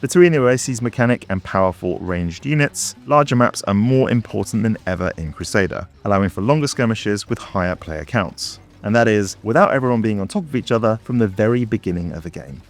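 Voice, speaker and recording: A man's voice: lowish voice, expressive, fairly quick, few pauses. A man presenting as a game developer in scripted promotional narration, with wry, playful asides. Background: background music.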